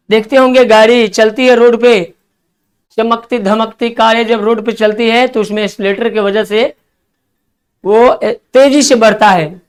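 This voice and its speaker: Man, classroom English-vocab teacher, clear smooth voice, spells words out, coaxing. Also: high-pitched. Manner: spells words letter by letter, coaxing students to write fast.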